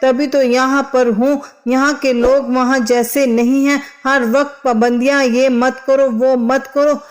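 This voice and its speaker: A woman's voice: high-pitched, little pitch movement, a little slow. A woman voicing a spoiled, sulky young bride in a storybook, curt and complaining.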